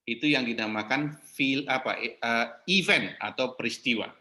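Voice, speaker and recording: Bright-voiced man teaching a marriage class. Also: mid-range voice, moderate pace. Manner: interactive, asks the class questions; mixes English terms into explanations. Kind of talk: church marriage class lesson. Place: church class room.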